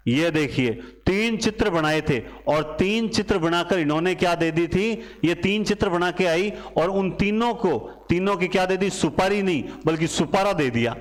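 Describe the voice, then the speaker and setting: A man teaching Hindi literature for an exam, who drills memory tricks by asking a question and answering it himself. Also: on the high side. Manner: recites poetry lines with feeling. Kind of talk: exam coaching lecture.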